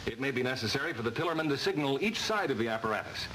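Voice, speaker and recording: A noisy vintage film soundtrack carries an American man narrating in 1950s instructional style. His voice is bright and forceful, with lively, swinging intonation. He reads formally and emphatically, like a scripted training lesson. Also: medium pitch, rapid-fire.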